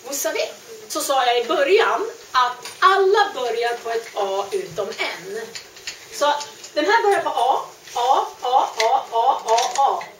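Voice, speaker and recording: A woman teaching French grammar, explaining patiently and repeating each word slowly. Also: sits high, fairly bright tone, a little hiss or hum. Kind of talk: grammar lesson. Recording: echoey room, mic at a distance.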